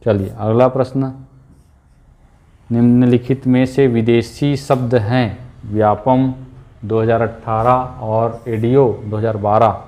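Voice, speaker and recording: A man's voice: medium pitch, steady tone, slow pace, muffled recording. A man teaching an exam-prep lesson, repeating key words and checking in often with his students.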